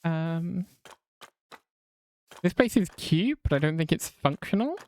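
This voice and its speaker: This is a low-leaning, slightly mellow female voice, animated yet slow. The speaker, from England with a mixed southern and northern accent, casually chats while streaming a game, swears occasionally and reads chat aloud.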